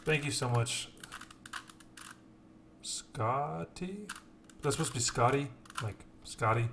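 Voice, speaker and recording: A medium-pitched man speaks slowly as he casts an esports tournament on a live stream. The talk is relaxed late-night chat, chatty and self-deprecating, with frequent apologies. Keyboard typing comes through clearly behind him.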